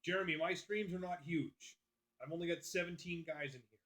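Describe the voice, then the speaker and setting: A livestream host chats loosely with viewers, swearing freely as he responds to their comments. His fairly bright voice sits on the high side and runs a little fast.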